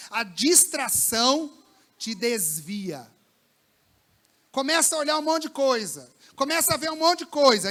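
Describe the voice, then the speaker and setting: A man preaching a lively sermon to young people in a church service, colloquial and slangy, swinging between loud bursts and hushed lines. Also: very high-pitched. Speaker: pastor. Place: church service with a live congregation.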